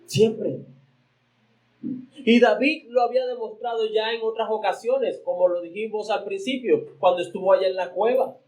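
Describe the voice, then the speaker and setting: A man preaching a sermon as pastor, reading scripture aloud with emphatic swings in pitch and often repeating words as he searches for the next phrase. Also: normal speed, darkish tone, rough recording.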